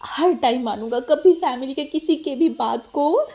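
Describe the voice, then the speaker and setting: Woman doing a scared young guy, crying and stuttering, pitched way up, soft mellow tone. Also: moderate pace. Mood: crying, pleading. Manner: sobbing, stammering, pleading. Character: young man, frightened, tearful and whiny.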